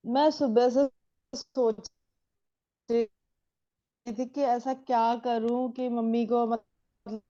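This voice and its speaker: A woman's voice: fairly high pitch, little pitch movement, slow pace, pauses often, dark tone. Woman on a glitchy call, breaking-up audio, chatty and meandering, muffled lo-fi sound. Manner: chatty, meandering, many fillers. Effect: breaking-up, dropping audio on a bad call connection. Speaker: participant in an online group session. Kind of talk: casual personal story. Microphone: online video call. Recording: dull lo-fi call audio, voice drifting far.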